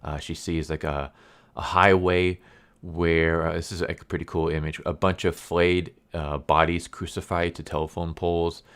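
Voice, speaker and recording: Male reviewer, very low voice, non-native English speaker, R's come out as W's, stumbles over words, casual rambling delivery. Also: flat delivery, fairly bright tone, smooth. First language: a language other than English. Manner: says w for r, slows down on r sounds. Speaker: comic book reviewer.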